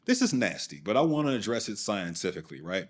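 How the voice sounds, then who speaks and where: Man, documentary host, scripted narration, deadpan sarcastic asides, fairly low voice. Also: quick pace. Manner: dry, sardonic asides.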